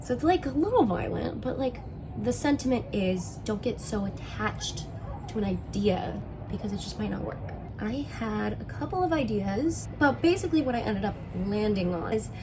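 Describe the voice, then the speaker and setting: A young woman with vocal fry and a sore throat talks in a casual, slangy vlog style, often dropping in "like". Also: mid-range voice, expressive, moderate pace, noisy background. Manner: informal, slangy, frequent "like". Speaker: vlogger, musician and sketch writing student.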